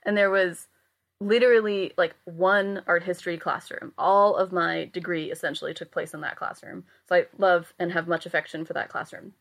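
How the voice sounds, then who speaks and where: Young woman, casual podcast co-host, creaky gravelly tone, reflective. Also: lowish voice, fairly even intonation, normal speed.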